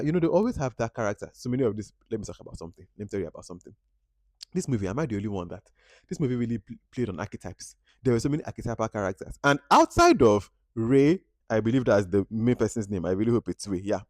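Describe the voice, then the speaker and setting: A man from Nigeria, reviewing a film at home in an animated, expressive way, jumping between loud outbursts and quiet asides. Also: mid-range voice, no room sound. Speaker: movie reviewer. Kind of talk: casual movie review vlog.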